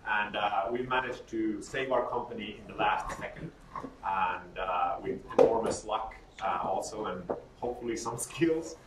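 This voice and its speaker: A man's voice: fairly low pitch, moderate pace. A man, giving an informal, joking workshop talk full of fillers. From Sweden. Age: 30s. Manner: candid and joking, with frequent fillers. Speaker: workshop speaker. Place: workshop room. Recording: roomy, distant mic, audible noise.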